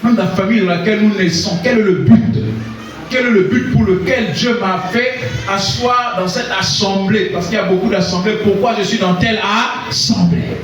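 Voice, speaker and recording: A man from Congo preaching a sermon, calling out to the congregation for responses and rising to shouts. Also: high-pitched, normal speed, crowd noise. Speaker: pastor. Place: church hall. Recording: echoey hall, voice from far off.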